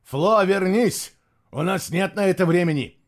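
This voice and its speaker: A man's voice: a little high, unhurried, voice pushed up. A man voicing a stern proud warrior. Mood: commanding. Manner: commanding, solemn. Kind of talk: audiobook narration.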